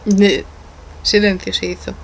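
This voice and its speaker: A woman reading a game's dialogue aloud, voicing each character in turn with playful shifts in pitch. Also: level tone, a little slow, a little hiss or hum. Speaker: let's play narrator voicing game characters. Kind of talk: dubbing game dialogue aloud.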